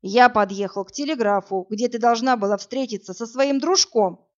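A woman voicing a cocky, brusque burly man who talks in a hurried, mocking way. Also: on the high side, close to an everyday voice. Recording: dull lo-fi audio, faint music.

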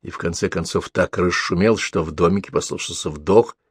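A man reading an audiobook as narrator, expressive and storytelling. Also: low-pitched, a little fast, slightly rough, no room sound, clean studio sound. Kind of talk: scripted narration.

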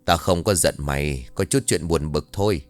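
A man voicing a weary older rural uncle who talks bluntly and gruffly. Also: a bass voice, moderate pace, dry recording, soft background music, voice pushed down.

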